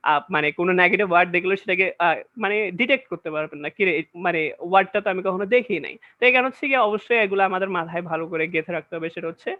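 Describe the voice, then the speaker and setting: High-voiced man teaching grammar. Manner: explains step by step, often checks understanding with questions. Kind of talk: classroom lecture. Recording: dull lo-fi recording.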